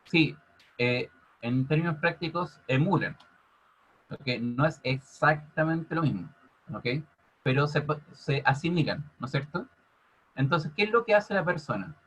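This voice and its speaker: Slow physics teacher, husky voice. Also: male voice, fairly high pitch, lively intonation, a bit bright. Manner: checks in with "ok?" after nearly every phrase. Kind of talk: online class explanation. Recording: muffled lo-fi audio.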